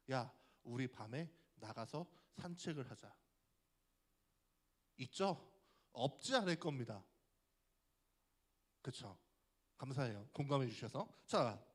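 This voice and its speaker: A young man, a youth pastor, giving a casual, chatty sermon and often asking the audience questions. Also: high voice. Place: church hall.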